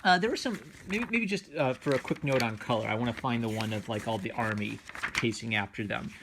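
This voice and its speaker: Reviewing comics off the cuff, a man speaks with a sharp tone at medium pitch. His talk is casual and enthusiastic but rambling, and he keeps looping back over what he's just said.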